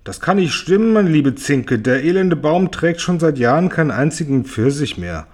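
A man voicing a greedy, cruel elderly aunt with a husky voice in a storybook reading, ordering people around scornfully. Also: medium pitch, expressive, moderate pace, a little mellow. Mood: scornful bossy. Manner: scornful, commanding.

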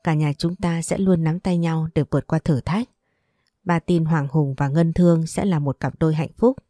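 A woman's voice: sits low, fairly even intonation, moderate pace, mellow, dry recording, clean studio sound, close to an everyday voice. A woman voicing an older father who speaks in a solemn, preachy way, read in a storybook. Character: older father, calm and moralizing.

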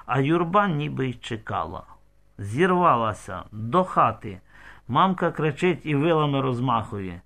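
A man's voice: medium pitch, big pitch swings, unhurried, fairly bright tone. A man narrating an audiobook with intense storytelling.

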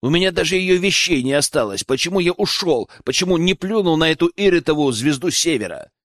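Expressive male audiobook narrator. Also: a little high, brisk, dry recording, clean studio sound. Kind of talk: first-person scripted narration.

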